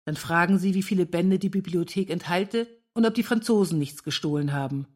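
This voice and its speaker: Woman reader doing a sad, bitter male librarian-scholar in a read-aloud story; keep the voice lowish. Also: a little fast, darkish tone, close to an everyday voice. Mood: gloomy. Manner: gloomy, bitter. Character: melancholy man, scholar and librarian.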